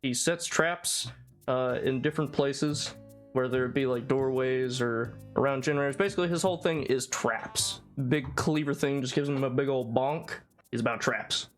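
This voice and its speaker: A young man talks through a casual game in a loose, rambling way, stumbling and repeating himself as he goes. His pitch sits in an ordinary middle range, and he breaks into laughter often. Faint music plays underneath. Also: moderate pace. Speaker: YouTuber hosting a guessing game. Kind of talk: casual chat. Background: background music.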